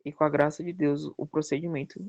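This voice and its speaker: A woman giving a personal religious testimony as a podcast guest, telling her story with lively acted-out dialogue. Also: low voice, fairly quick, creaky, no room sound, highs cut off. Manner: animated storytelling, acting out the dialogue.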